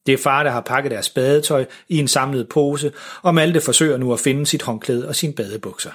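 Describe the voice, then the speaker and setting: Husky man reading a story. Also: mid-range voice. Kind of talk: storybook narration.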